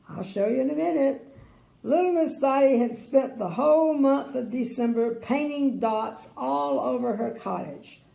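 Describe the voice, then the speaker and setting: An older woman, a sweet grandmotherly storyteller with a creaky voice, reads a bedtime story expressively and adds chatty asides. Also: fairly high pitch, dark tone. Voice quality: creaky, gravelly. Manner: sweet old lady, grandmotherly. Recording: roomy indoor echo.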